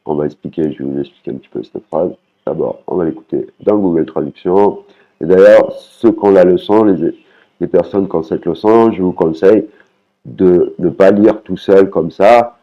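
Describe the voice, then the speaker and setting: A man's voice: sits low, moderate pace, highs cut off. A man teaching a language lesson, patiently repeating words and singing out their tones.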